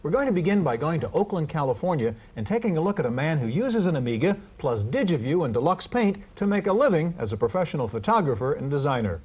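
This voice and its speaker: A man's voice: on the high side, very animated, quick pace, few pauses, slightly rough. An American man in his forties hosting a television technology show. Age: 40s. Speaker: TV host. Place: television studio. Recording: dull vintage TV studio sound.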